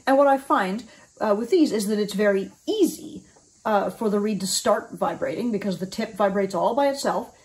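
A woman's voice: medium pitch, lively intonation, moderate pace, a little mellow, slight background noise. A woman in her forties teaching oboe reed making in a thoughtful, explanatory way with frequent ums, recorded in a small room at home. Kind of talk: instructional video.

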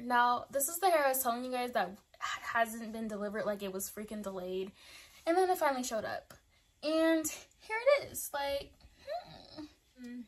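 A young woman chatting casually to camera as a beauty vlogger, slang-heavy and laughing often. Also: a little high.

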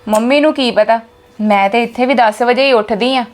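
Young woman, chatty, earnest, family skit, fairly high voice. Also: normal speed. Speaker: daughter-in-law in a skit.

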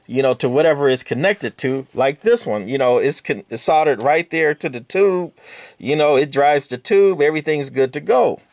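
At an indoor workbench, a radio repair hobbyist host walks through equipment in a casual, hands-on way. His voice sits fairly high and the recording is dry. He's relaxed and explanatory, uses lots of fillers, and even talks to the parts.

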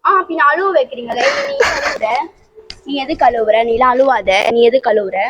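A woman's voice: high voice, moderate pace, fairly bright tone, muffled recording, slight background noise. A young woman playing a hurt young sister who reproaches the people who pushed her away. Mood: accusing. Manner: pleading, reproachful. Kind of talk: amateur skit acting.

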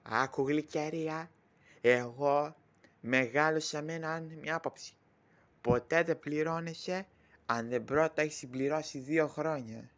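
A performer voicing a stingy, stern old father in a Greek shadow-puppet play, lecturing slowly. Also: mid-range voice, steady tone, natural voice.

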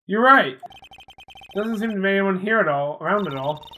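A calm, dry young male lawyer, read by a woman in her own middle-pitched voice. The reading rises and falls freely, with no attempt at a deeper sound. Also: normal speed, a little hiss or hum.

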